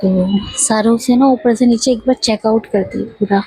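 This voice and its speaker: A woman retells a love story in a relaxed, chatty way, stumbling over names and correcting herself as she goes. Her voice is very husky and breathy, with a mellow, dark tone. She stays in a narrow, level pitch band throughout. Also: moderate pace. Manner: chatty, with many fillers and self-corrections of names.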